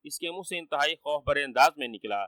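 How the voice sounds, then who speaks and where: A man narrating a children's story in a steady, measured manner, recorded on a distant dry mic. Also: fairly high pitch, no echo.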